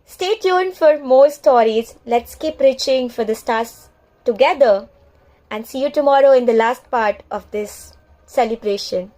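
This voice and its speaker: A woman's voice: fairly high pitch, unhurried, warm tone, rough recording. A young woman with an Indian accent tells a space story in a vlog, earnest and heartfelt. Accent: Indian English.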